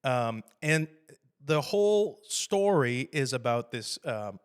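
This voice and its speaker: A podcast host chats casually about a film, rambling, swearing and staying animated while laughing often. His medium-pitched voice is smooth and his pace slow.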